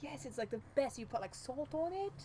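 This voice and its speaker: Woman player, bubbly and eager, high and lively. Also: fairly quick, over a noisy crowd. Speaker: player in a tabletop game.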